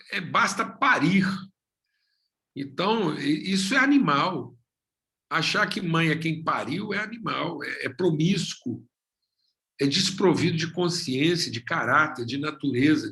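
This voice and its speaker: A middle-aged Brazilian man preaching a sermon as pastor, emphatic, with repeated phrases and dramatic pauses. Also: on the high side, pushed and bright. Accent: Brazilian Portuguese.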